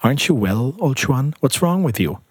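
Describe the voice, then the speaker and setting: A man's voice: medium pitch, sing-song, moderate pace, husky, no room sound, studio quality. A man reading aloud, voicing a curious old graybeard who questions the shopkeeper. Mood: prying. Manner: prying, questioning. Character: curious old graybeard tea-shop customer.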